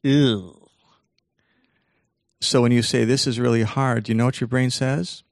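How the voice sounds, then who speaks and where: An older man gives an animated motivational talk in a gravelly voice, slowing down to stress the points that matter. He acts out the voices he quotes with sudden leaps in pitch. The recording is dry and close, with no room sound. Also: no room sound. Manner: slows down to stress key points. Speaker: speaker giving a talk on self-talk.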